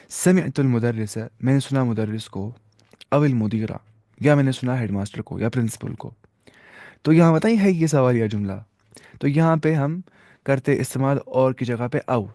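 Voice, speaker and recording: An Arabic teacher with a warm, mellow, mid-range voice explains grammar rules, mixing in English terms and reading Arabic examples slowly. His manner is conversational, with fillers and self-corrections, and the recording is dry and close with no room sound.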